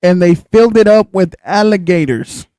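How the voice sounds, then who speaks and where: A young man co-hosting a casual chat show, talking in an animated, excitable way and swearing freely. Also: high voice, normal speed, no echo. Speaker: co-host.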